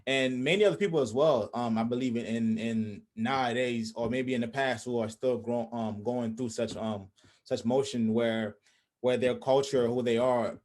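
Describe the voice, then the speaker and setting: A young Haitian man with a medium-pitched voice hosts a casual video call conversation from a small indoor room. Picked up by his webcam, he speaks reflectively, with many fillers and restarts.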